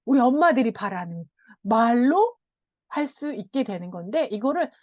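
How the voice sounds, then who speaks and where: A woman child counselor giving a parenting lecture, animated, often laughing and acting out what children and parents say. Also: on the high side, moderate pace, no echo. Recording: dull, dry sound.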